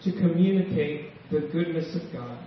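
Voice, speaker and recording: A male pastor preaching a sermon with emotion and slow, emphatic pauses. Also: on the high side, slight background noise. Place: church sanctuary. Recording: echoey church hall, distant mic, dull sound.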